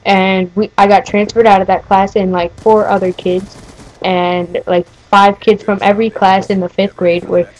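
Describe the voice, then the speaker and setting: A woman's voice: mid-range voice, little pitch movement, normal speed, darkish tone, poor audio. A teenage-sounding woman telling a story casually over gameplay, rambling with many fillers and restarts. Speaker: gaming video host.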